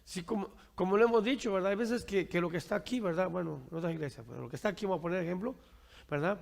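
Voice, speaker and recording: A male pastor preaches and answers his congregation's questions. His voice is heavily gravelly and sits high for a man. He keeps tagging his points with "right?", and the sound rings through a reverberant church hall. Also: rapid-fire. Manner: keeps asking "¿verdad?" and addresses listeners as brother.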